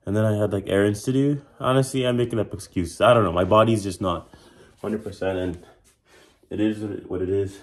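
A young man with a fairly low voice talks casually through his push-up workout. He sounds somewhat winded from the effort, recorded on a phone in a small, echoey bare room. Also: fairly even intonation, fairly quick. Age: young adult. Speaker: fitness challenge vlogger. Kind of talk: casual self-talk vlog. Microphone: phone camera, at arm's length or propped nearby.

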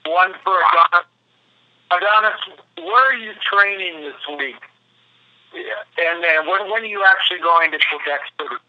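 A man moderating a press conference call, brisk and businesslike, heard over the call's phone line. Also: high-pitched, dry recording. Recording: dull, dry phone line.

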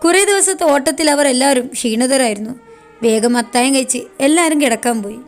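A woman storyteller reads a love story in calm, steady narration. Her voice sits high, and soft music plays faintly beneath her. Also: a little fast.

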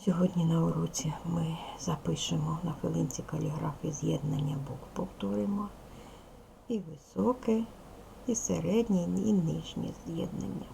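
A woman teacher leads a video lesson for small children, asking simple questions and praising their answers patiently. Her voice has a strong gravelly fry, and a faint hiss of room noise sits behind it. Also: low voice, steady tone, normal speed, dark tone, poor audio. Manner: reads a poem aloud expressively. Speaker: primary school teacher.

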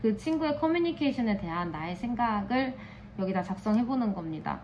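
High-voiced teacher talking through a face mask. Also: female voice, a little fast. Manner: calm, instructive, addresses students directly. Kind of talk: classroom instruction. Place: classroom at school. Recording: noisy room ambience.

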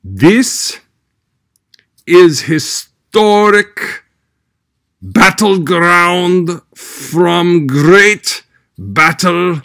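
A man acts out a pompous sock puppet king for a goofy comic show. He speaks halting broken English at a very slow pace, with a creaky edge, recorded close and dry. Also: high voice, lively intonation, a bit bright, no room sound, full character voice. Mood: proud, eager.

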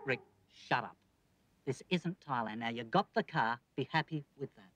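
A man's voice: mid-range voice, lively intonation, moderate pace, a bit bright, dry recording, natural voice, rough recording. A man playing a slick shady car salesman. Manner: smooth, wheedling sales patter. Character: fast-talking shady used car salesman.

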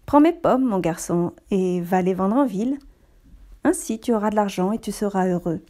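A woman's voice: mid-range voice, lively intonation, normal speed, dark tone, close to an everyday voice. A woman voicing a generous, loving old tree in a read-aloud storybook, speaking tenderly with a slightly raised voice.

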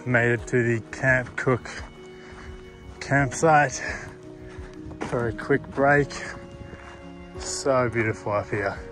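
Out on a bush hiking trail, a young Australian man vlogs casually to camera, upbeat and chatty. His mid-range voice moves slowly with long pauses, and music plays in the background.

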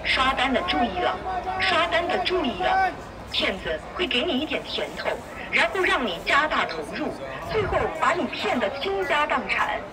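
A woman's high, lively voice recites rhyming warning slogans in a steady loop. It comes from a loudspeaker in an outdoor square. A dense crowd and loud traffic noise surround it. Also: moderate pace, pauses often. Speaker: public anti-fraud announcement. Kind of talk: looped loudspeaker announcement.

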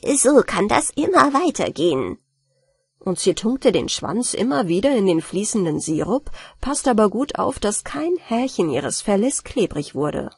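Brief: female audiobook reader, bedtime story, animated intonation, dry close sound. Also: mid-range voice, husky, dry recording. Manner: slow, expressive storytelling.

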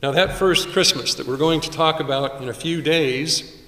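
A man in his sixties preaching a sermon from a pulpit in a small chapel, with measured delivery and dramatic pauses. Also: on the high side, pushed and bright. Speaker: chaplain. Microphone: stand mic at pulpit, far camera. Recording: roomy chapel echo from far off.

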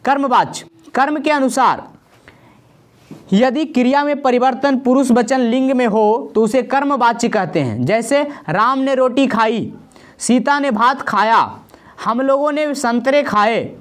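A woman's voice: high voice, a little slow. A woman teaching a grammar lesson for exam preparation. She explains each rule, then lists short examples, checking in with her students as she goes.

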